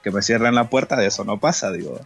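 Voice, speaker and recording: A man's voice: lowish voice, fast talker, slightly rough, soft background music. A man with a Honduran accent, a guest singer and pastor, tells a personal story in an interview, acting out the dialogue and often repeating words. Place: radio studio.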